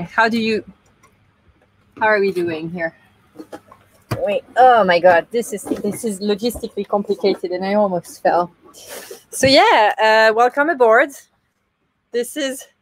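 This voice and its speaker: On a boat in a marina, outdoors in the cockpit, a woman co-hosts her sailing channel's live stream in a chatty, hesitant way, with frequent restarts and fillers. Her medium-pitched voice moves at a measured pace with long pauses. There's no room sound, and the low-quality recording sounds like a webcam.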